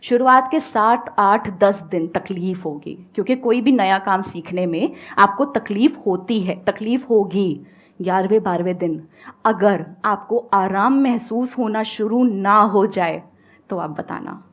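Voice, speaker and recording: A woman with an Indian accent giving an animated motivational talk on speaking English, mixing Hindi and English. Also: mid-range voice, a little slow. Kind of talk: motivational talk with audience questions.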